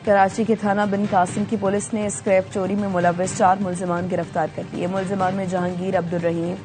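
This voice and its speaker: A woman reading scripted news headlines in a brisk, formal delivery. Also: mid-range voice, little pitch movement, over music. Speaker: news anchor.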